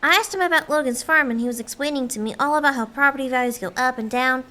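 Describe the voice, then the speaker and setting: Actress doing chatty earnest small town lady, high bright voice, family movie. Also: fast. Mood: flustered, rambling. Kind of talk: acted family film dialogue.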